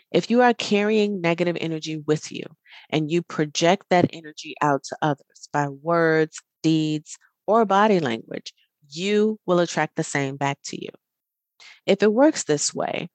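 A woman with a low voice hosts a reflective self-help talk. She speaks to the listener directly, earnest and encouraging, with a smile you can hear. The recording is close and dry. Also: no room sound. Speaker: podcast host.

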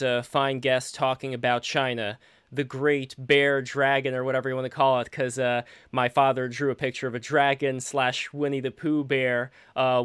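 A man hosts a live stream panel in a casual, upbeat way, leaning on fillers as he brings in his guests. His voice is smooth and clean, with a fairly flat pitch, and it sounds close and dry, with no room around it. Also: dry recording. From Soviet Union. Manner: upbeat, filler-heavy introductions.

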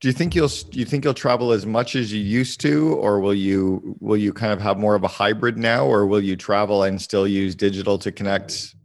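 Podcast host guy, lowish voice, chill upbeat questions. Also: steady tone, fairly quick, few pauses, dry recording. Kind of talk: interview conversation.

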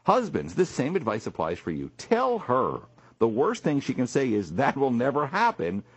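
Man, radio host, husky voice, animated pitch, dry close mic. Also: normal speed, dry recording. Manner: animated, jokey, swings high for emphasis. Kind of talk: morning radio talk. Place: radio studio.

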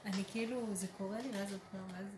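A woman student sharing her experience in a class, halting and frustrated. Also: medium pitch, steady tone. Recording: roomy, noisy recording.

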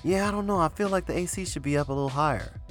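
A man voicing a fussy woman at a dance who keeps complaining about the heat, in a high, insistent tone. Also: racing, soft background music, lightly acted.

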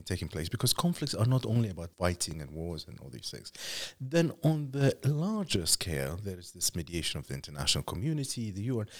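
A middle-aged man from Iraq, a journalist guest, answering in measured, reflective sentences that list examples and sometimes restart. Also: lowish voice.

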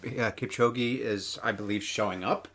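Man, podcast co-host, lowish voice, bright forceful tone, chatty, rambling, fillers. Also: steady tone, moderate pace. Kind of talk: casual sports chat.

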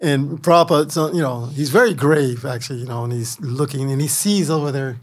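An older man from the Midwestern United States, a guest telling lively stories with frequent laughter and lots of "you know.". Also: medium pitch, a little fast, slightly rough. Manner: animated storyteller, laughs often, many you-knows. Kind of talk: casual storytelling interview.

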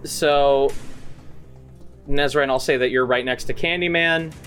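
Casual male game master, mid-pitched, rambling narration. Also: steady tone, unhurried, fairly bright tone, faint music behind. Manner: loose, filler-heavy narration.

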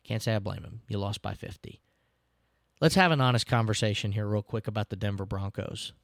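A man's voice: lowish voice, fairly quick, vocal fry, no room sound, clean studio sound. Man chatting through football scores. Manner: chatty, self-deprecating, laughs while recapping scores. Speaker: sports podcast host. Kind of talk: casual sports recap.

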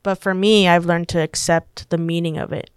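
A woman's voice: lowish voice, steady tone, moderate pace, smooth, no echo, studio quality. A young woman, a podcast guest telling a personal story in a chatty way, full of "like" and quoted dialogue. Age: young adult. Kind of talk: casual storytelling.

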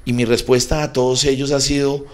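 A man's voice: medium pitch, level tone, fairly quick, darkish tone. A man with a Colombian accent, a comedian guest on a podcast, telling rambling, profane, jokey stories in casual chat.

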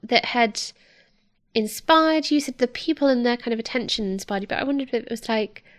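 A woman's voice: on the high side, fairly quick. A woman hosting an interview, friendly and agreeing, asking long searching questions. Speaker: interviewer, host. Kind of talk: conversational interview.

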